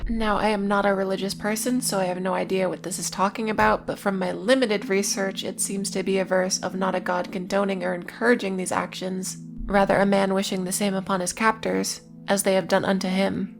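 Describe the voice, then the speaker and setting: Over background music, a woman reads scripted video essay narration in a medium-pitched, gravelly voice with flat delivery and a brisk pace, barely rising or falling. Her tone is informal, and she drops wry asides as she recaps.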